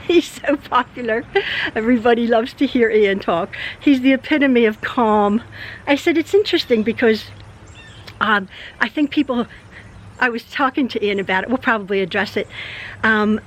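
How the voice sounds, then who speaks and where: An older woman hosts a casual vlog from her backyard, rambling with lots of fillers and laughter. Her high voice sounds hoarse and tired after an illness, and birdsong can be heard outdoors around her.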